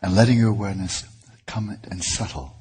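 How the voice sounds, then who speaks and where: Here a man guides a meditation as its teacher. His voice is deep and darkish with a slight roughness, and he moves through measured phrases with pauses.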